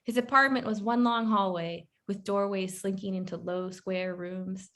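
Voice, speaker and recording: A woman author reading her own short story aloud in a measured, wry first-person narration. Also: mid-range voice, steady tone, a bit bright.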